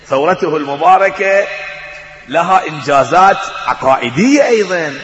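Male preacher, higher voice, impassioned and rhetorical, lo-fi echoey hall recording. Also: a bit bright. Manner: impassioned, rhetorical questions, slow drawn-out recitation of verses. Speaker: Shia preacher. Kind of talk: sermon. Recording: echoey hall, dull lo-fi sound.

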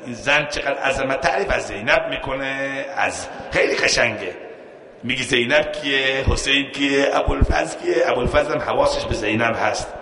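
Preacher, male, bright voice, echoey hall, storytelling sermon with chanted lines. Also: medium pitch, creaky. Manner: storytelling with quoted dialogue and chanted verse, rising emphasis.

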